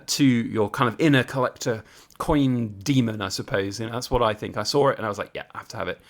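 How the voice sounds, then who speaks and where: A man with a British accent and a mid-range voice presents a hobby vlog. He speaks in a casual, conversational way, chatting informally to his viewers as an enthusiastic collector. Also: mid-range voice. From United Kingdom. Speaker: coin collector and video host.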